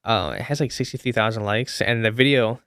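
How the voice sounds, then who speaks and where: Smooth-voiced young man chatting. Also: medium pitch, fairly quick, fairly bright tone, no room sound, clean studio sound. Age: young adult. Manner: rambling, many fillers and restarts. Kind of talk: casual chat.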